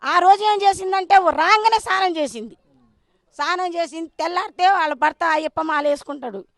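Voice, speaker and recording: A middle-aged woman recounts events to a news reporter in an urgent, vivid way. Her voice sits very high. The sound is dry and close, picked up on a handheld mic. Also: brisk, a bit bright, no room sound. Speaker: villager eyewitness. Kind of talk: emotional eyewitness account.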